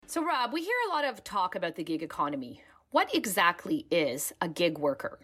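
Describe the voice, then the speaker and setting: A woman's voice: on the low side, very animated, brisk, a bit bright, breathy edge. A woman co-hosting a podcast in a conversational way, recorded in a makeshift bedroom booth with a towel hung to dampen the sound. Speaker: podcast co-host, personal finance editor.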